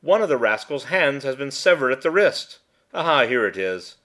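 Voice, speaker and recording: A man reading aloud, voicing a rough gravedigger who shouts out a find. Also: mid-range voice, big pitch swings, normal speed. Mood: startled. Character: rough male gravedigger, loud and coarse.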